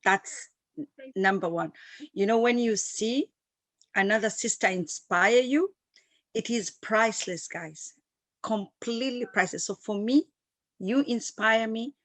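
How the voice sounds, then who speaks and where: A woman's voice: on the high side, a little slow, no echo. Emphatic East African-raised woman in her fifties. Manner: emphatic and repetitive, speaks with passion. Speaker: guest entrepreneur. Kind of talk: interview, enthusiastic storytelling.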